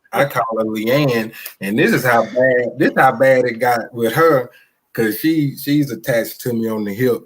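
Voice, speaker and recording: A man with an East Texas country twang talks loud and lively in a casual live interview. He is a basketball coach who tells his stories with plenty of energy. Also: medium pitch.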